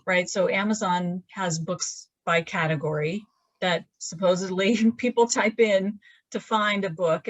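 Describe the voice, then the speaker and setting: A romance author in her fifties chats casually from her laundry room in a video-call interview, rambling with lots of fillers and restarts. Her voice sits lowish, picked up by a webcam microphone with no echo.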